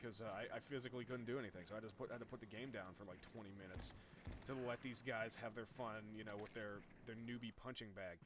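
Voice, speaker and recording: A man's voice: fairly low pitch, fast talker, background noise. Rambling, jokey man narrating gameplay. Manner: rambling, jokey, excitable at big hits. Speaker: gaming YouTuber. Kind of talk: casual gameplay commentary.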